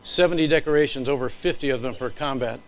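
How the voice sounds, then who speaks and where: A middle-aged man, an Air Force leader, gives an earnest, emotional speech from slides with measured pauses. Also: medium pitch, rough recording.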